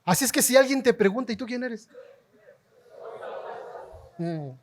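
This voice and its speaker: High-voiced preaching pastor, slow and emphatic. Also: male voice, expressive, noisy background. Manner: preaching with call-and-response, urging the congregation to shout; slow, emphatic delivery, rising to shouts. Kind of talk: sermon. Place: church hall before a congregation.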